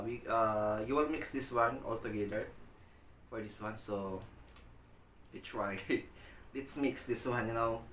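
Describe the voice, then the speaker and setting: A man's voice: on the low side, fairly bright tone. Filipino man talking while eating, echoey room. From Philippines. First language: Tagalog. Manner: talking while eating crunchy fried chicken; exclaiming, repetitive praise of food in simple English. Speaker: mukbang vlogger. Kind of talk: casual mukbang chat to viewers. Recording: echoey room, faint background noise.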